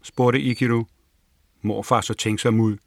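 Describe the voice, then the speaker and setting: A man narrating a children's storybook aloud in a calm storytelling manner, lifting his voice for the characters' lines. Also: mid-range voice, vocal fry, dry recording, clean studio sound. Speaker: audiobook narrator.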